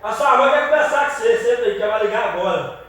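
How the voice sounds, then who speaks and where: Brazilian man, prankster uncle, high-pitched and teasing, heard from a distance with faint noise. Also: animated, quick pace. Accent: Brazilian Portuguese. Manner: teasing, loud, repetitive coaxing. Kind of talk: casual prank video talk. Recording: echoey room, far from mic, faint noise.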